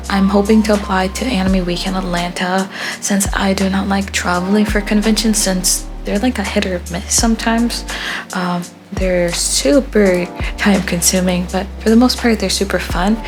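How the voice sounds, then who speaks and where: A young woman talks through a drawing session in a loose, rambling way, full of ums and asides. Her voice sits at an ordinary pitch for a woman, and faint music plays softly behind her. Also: moderate pace. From born in Haiti, grew up in Florida. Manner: rambling, relaxed, frequent ums. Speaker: artist vlogger. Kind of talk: casual voice-over chat while drawing.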